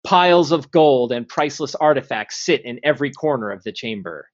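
A man's voice: mid-range voice, expressive, fairly quick. Male game master narrating, slightly muffled. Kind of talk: dramatic tabletop game narration.

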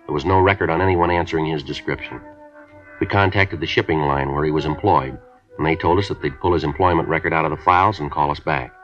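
An actor playing a terse police sergeant who narrates the case and questions witnesses in a clipped, matter-of-fact way. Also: male voice, a bass voice, fast talker, fairly bright tone, soft background music. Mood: calm. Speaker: detective narrator. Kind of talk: 1950s radio drama narration. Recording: dull 1950s radio broadcast.

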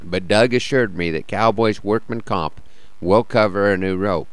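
An American man with a slightly rough, worn-out morning voice, hosting a radio show with wry, understated folksy storytelling and verse. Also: lowish voice, normal speed, dry recording. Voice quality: a little rough and croaky. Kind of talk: scripted folksy monologue with cowboy poetry.

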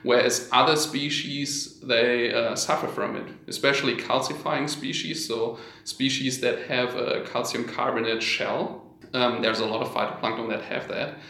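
A man from Germany, a research scientist, explaining his field in a measured way as an interview guest. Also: medium pitch, steady tone, bright, forceful tone. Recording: roomy, echoing sound.

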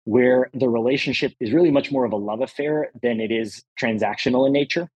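A private equity partner from El Salvador appears as a guest on an interview podcast. His medium-pitched voice is brisk, a little mellow and husky, and he talks with earnest enthusiasm, frequently leaning on "really."

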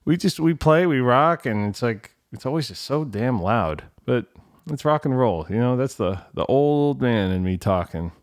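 A man's voice: medium pitch, expressive, moderate pace, no echo, studio quality. A middle-aged man hosting a casual solo podcast from a home room, talking in a colloquial, mildly salty way, rambling and often doubling back on his own words. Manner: rambling, self-interrupting, repeats words. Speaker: podcast host, musician. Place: untreated home room with bare walls and carpet.

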